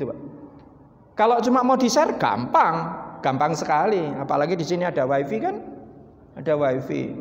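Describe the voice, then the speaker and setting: A man with a Javanese accent preaching at an evening study gathering, animated, acting out speakers, swinging from low murmurs to loud exclamations. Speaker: Islamic preacher. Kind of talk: mosque study sermon. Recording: dull, roomy hall recording with faint noise.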